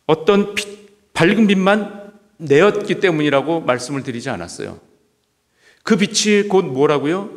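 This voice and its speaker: A male pastor preaching a sermon, repeating key phrases and asking the congregation rhetorical questions. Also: fairly high pitch. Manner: asks the congregation rhetorical questions, emphatic repetition. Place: church sanctuary. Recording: long hall reverb.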